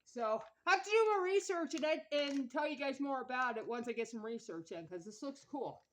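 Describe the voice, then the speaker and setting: Woman filming herself cooking at home, kinda high voice, rambles and laughs a lot. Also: animated, fairly quick, low-quality recording. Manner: chatty, rambling, laughs often between remarks. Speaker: vlogger. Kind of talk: casual cooking vlog. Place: home kitchen.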